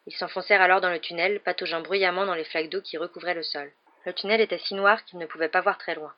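Audiobook reader, steady narration. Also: medium pitch, quick pace. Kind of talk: scripted narration. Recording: dull lo-fi audio.

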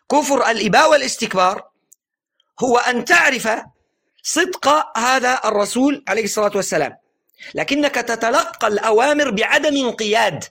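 A man giving a religious lesson in an earnest lecturing tone, often urging listeners to pay attention, stressing phrases slowly and letting his voice drop at the ends of sentences. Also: very high-pitched, creaky, pushed and bright. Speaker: religious teacher.

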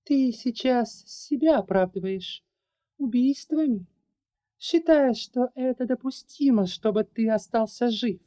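A woman voicing a fierce young dragoness who defends orphans, accusing and high-strung. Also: unhurried, mellow, lo-fi sound. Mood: furious. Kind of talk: audiobook character voice.

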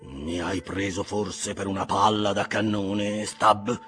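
A man's voice: lowish voice, flat delivery, slow, fairly bright tone. A man voicing a stern old sea captain who gives cold, contemptuous commands. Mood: scornful.

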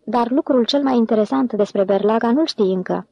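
A man's voice: very high-pitched, creaky, dry recording, highs cut off, heavily acted. A woman voicing a sly, gossipy male office clerk who talks eagerly and confidingly.

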